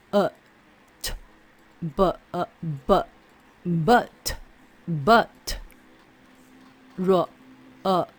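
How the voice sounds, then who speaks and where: A woman leading pronunciation drills, sounding out words slowly and repeating each one. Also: medium pitch. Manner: slow, drawn-out word-by-word drilling.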